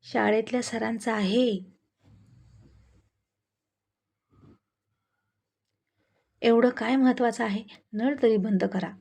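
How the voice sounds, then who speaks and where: Woman voicing a sharp-tongued scolding wife. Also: on the high side, fairly even intonation, moderate pace, gravelly, breathy edge. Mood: angry. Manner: scolding, sarcastic retorts.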